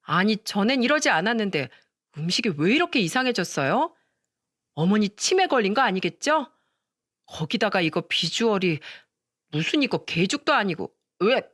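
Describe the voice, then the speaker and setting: A woman's voice: mid-range voice, sing-song, normal speed, fairly bright tone, no echo, clean studio sound. A woman reading a story voices a rude, mocking young sister-in-law.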